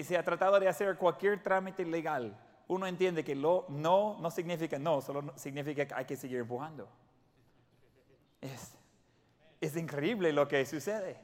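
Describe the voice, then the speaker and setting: A man preaching a sermon as a pastor, animated and acting out the voices of the people he quotes. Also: high voice, big-room sound.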